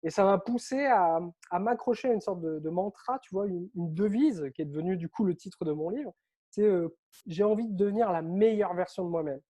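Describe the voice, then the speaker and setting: This interview guest is a Frenchman who works as an author and coach, recounting stories casually at a slightly fast pace. His voice sits somewhat high while sounding mellow, and he chats in a lively way full of fillers. Though he grew up on Réunion Island, no accent is audible.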